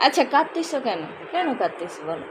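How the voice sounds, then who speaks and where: A woman's voice: high-pitched, very animated, quick pace, a loud crowd. Mom doing baby talk to her kid, teasing singsong, noisy phone recording. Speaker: mother. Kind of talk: playful home video chat with her small child.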